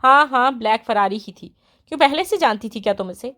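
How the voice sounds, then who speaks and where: A woman's voice: on the high side, lively intonation, fairly bright tone. A woman voicing a sensible young woman in an audiobook who lectures her friend in a reproachful tone.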